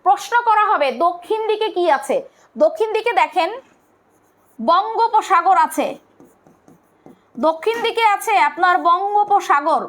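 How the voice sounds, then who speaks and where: High-voiced Bangladeshi woman teaching. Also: animated, measured pace, pauses often, a bit bright. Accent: Bangladeshi Bengali. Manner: explains step by step, asks and answers own questions; colloquial, urges viewers to comment. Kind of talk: online exam-prep lecture.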